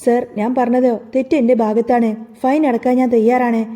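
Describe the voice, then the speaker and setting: A woman's voice: on the high side, level tone, brisk, mellow, long reverb tail, natural voice. A woman voicing a hot-tempered young man in a storybook narration, talking in an angry, defiant way.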